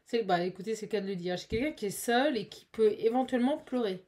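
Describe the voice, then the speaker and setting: A woman's voice: fairly high pitch, fast talker. Chatty woman reading tarot cards. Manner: chatty, animated, with many fillers. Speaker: tarot card reader. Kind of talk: casual channeled card reading.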